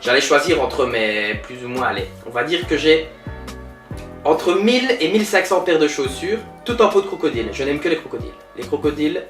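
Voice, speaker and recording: Pitched a little high and speaking a little fast, a man plays a boastful male billionaire entrepreneur being interviewed in a comedy sketch. Pompous and pleased with himself, he brags through lively anecdotes. The audio sounds roomy and distant, with faint music.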